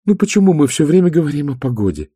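Youngest sister, young woman, restless and eager, high and fast, played by a man. Dry, husky. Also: expressive, darkish tone, no room sound. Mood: restless pleading. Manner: eager, whiny, rushed. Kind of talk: audiobook character voice.

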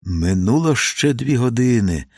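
A man narrating an audiobook in a measured, unhurried way. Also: mid-range voice, expressive, darkish tone, slightly rough, no room sound. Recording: dry voice over faint music.

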